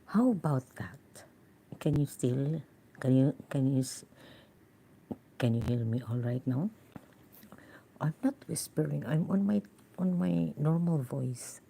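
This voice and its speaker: A woman's voice: low voice, a little slow, creaky, pauses often, dark tone, slightly rough. A chatty, giggly woman, live-streaming casually and talking into a phone held close to her mouth. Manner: giggly, chatty, mixing Tagalog words.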